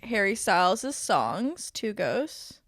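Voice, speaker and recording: A woman's voice: mid-range voice, sing-song, slow, fairly bright tone, no room sound, studio quality. A young woman co-hosting a podcast in casual chat, talking freely with lots of fillers and giggles. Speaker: podcast co-host.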